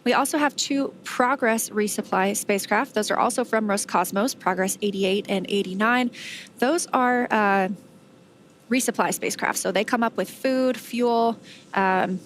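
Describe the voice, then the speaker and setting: A woman's voice: medium pitch, moderate pace, slight background noise. A woman giving conversational, explanatory live commentary as a space mission broadcast host.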